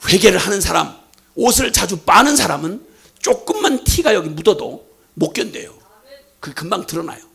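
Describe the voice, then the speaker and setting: Pastor, male, husky and bright, fervent sermon delivery with wide swings. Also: sits high, sing-song, normal speed. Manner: impassioned preaching, shouting divine questions.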